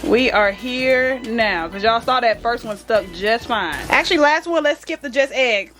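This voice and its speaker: Woman vlogger, bright-pitched, chatty kitchen talk, faint music behind. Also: moderate pace. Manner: chatty, talks straight to viewers as "y'all", with fillers. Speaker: cooking vlogger. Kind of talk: casual cooking vlog.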